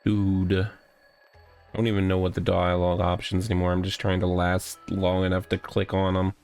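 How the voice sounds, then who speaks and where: This let's play host has a low-pitched, monotone voice with a darkish tone and a moderate pace. He mutters exclamations as he plays, reads game text aloud, and keeps up casual, wry commentary against game music.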